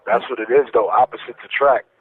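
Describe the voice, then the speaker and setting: A man calling from a prison phone, talking in laid-back, slangy street talk. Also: mid-range voice. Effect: prison phone call. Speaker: incarcerated caller. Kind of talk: casual phone chat. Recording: tinny, noisy phone line.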